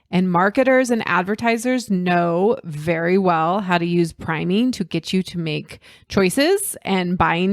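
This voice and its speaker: A woman's voice: mid-range voice, dry recording, studio quality. A woman hosting a solo business coaching podcast, talking to her listeners directly in an encouraging, conversational way.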